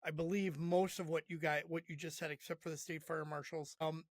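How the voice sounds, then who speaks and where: A man with a somewhat high voice hosts a podcast interview, friendly and prone to winding questions. His voice sounds close and dry, with no room around it. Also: flat delivery, a little fast, no room sound. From Chicago area. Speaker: podcast host. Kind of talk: conversational interview.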